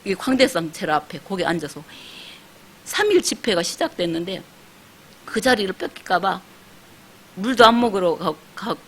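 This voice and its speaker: A woman's voice: medium pitch, expressive, normal speed, fairly bright tone, rough recording. A woman in her sixties, a pastor's wife giving an emotional church testimony, telling her story earnestly with many fillers and acting out the voices of others. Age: 60s. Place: church service. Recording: faint hiss.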